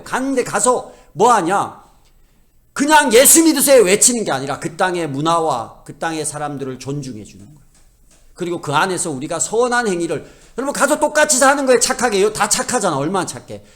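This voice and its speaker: Animated man preaching a Sunday sermon. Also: on the high side. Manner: conversational preaching with frequent rhetorical questions to the congregation; swings from loud emphasis to quiet asides. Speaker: pastor.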